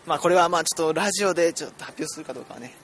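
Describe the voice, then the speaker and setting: A man's voice: on the high side, rapid-fire, a bit bright, slight background noise. A young man from Fukui, Japan, hosting a casual radio chat while walking through a department store, self-deprecating and laughing often. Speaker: radio show host. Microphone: earphone mic held between two people.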